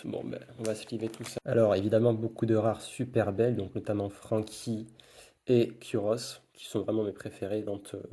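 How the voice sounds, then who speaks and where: A man's voice: on the low side, warm tone, breathy edge. A man giving casual running commentary while opening trading card packs, murmuring card names one after another.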